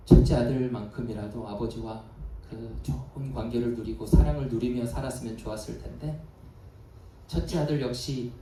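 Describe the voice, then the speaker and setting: A male pastor preaching a sermon, telling a story dramatically and swinging from soft, hushed lows to emphatic peaks, recorded at a service in a large church hall. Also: distant mic, slight background noise. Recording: echoey hall, voice from afar.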